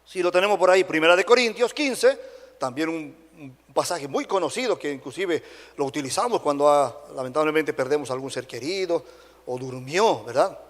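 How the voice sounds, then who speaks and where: This time the pastor's high-leaning voice moves at a moderate pace as he preaches animatedly to his congregation in a Dominican Spanish accent. He often pauses for tag questions such as "right?", and the sanctuary lends a long hall reverb.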